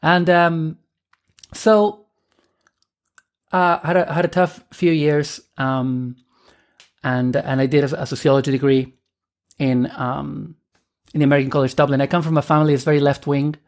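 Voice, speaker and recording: A woman's voice: low voice, steady tone, normal speed, pauses often, darkish tone. Hesitant woman in her thirties. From Argentina. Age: 30s. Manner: hesitant, many fillers and restarts. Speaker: podcast guest. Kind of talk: casual conversational interview.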